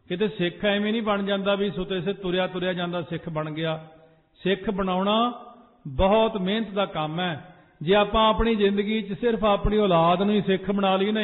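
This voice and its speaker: High-voiced Sikh preacher in an echoey hall. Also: male voice. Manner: preaching in a sing-song cadence, rising to urgent emphasis. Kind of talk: sermon with sung phrases. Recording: echoey hall over a tinny phone-like line.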